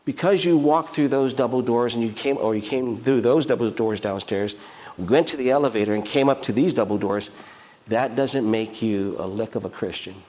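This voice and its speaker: A man's voice: medium pitch, normal speed, a little mellow. A man preaching a sermon as pastor in a church, emphatic, with repeated phrases and rhetorical questions. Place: church sanctuary.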